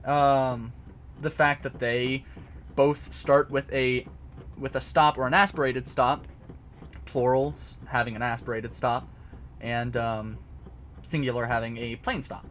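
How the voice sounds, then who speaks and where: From a home basement recording area, a man casually explains a topic to a live chat as host, hesitating with many fillers and restarts. His voice is medium-pitched, fairly even, a little slow and a bit bright, with slight hiss or hum.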